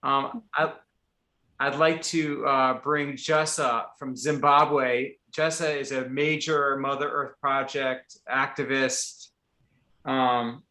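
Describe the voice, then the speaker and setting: A man hosting a video call, relaxed and full of fillers, inviting guests to speak. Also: mid-range voice. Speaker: host of the call. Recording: echoey room on a video call.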